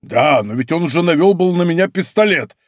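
A man's voice: a little high, expressive, brisk, dry recording, studio quality. A man voicing a strong, simple and good-natured male musketeer who talks plainly.

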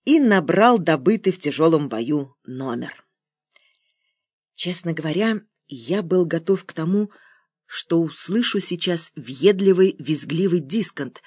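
A woman narrating an audiobook in an expressive, ironic storytelling manner, close to the mic. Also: fairly low pitch, slightly rough, no room sound. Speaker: audiobook reader.

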